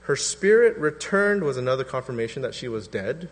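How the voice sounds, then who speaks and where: Pastor, man in his thirties, chatty sermon delivery, puts on voices for quotes, mid-pitched, long church reverb. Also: very animated, a little fast. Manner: conversational preaching, acting out quotes in voices. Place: church hall.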